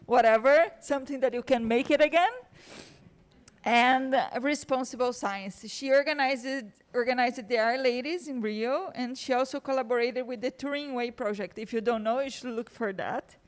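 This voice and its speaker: A course host introduces a guest speaker in a lecture room, her voice on the high side and her pace moderate. The introduction is casual and warm, full of chatter and laughter between remarks.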